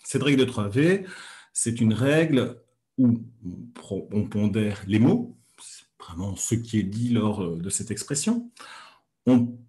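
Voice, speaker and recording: A man hosting a weekly hypnosis lesson, talking calmly with frequent hesitant pauses and fillers. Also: lowish voice. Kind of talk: calm teaching talk on a livestream.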